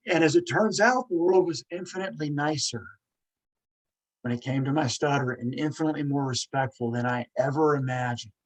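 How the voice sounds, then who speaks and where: Recorded on low-quality audio, a forties-aged male podcast host with a mid-range voice talks casually and earnestly, pressing his points in quick, emphatic bursts while stuttering through repeated sounds.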